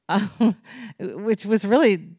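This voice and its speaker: A woman's voice: medium pitch, drawn-out words, a little mellow, no room sound, studio quality. A woman author speaking earnestly and thoughtfully in a conversational interview.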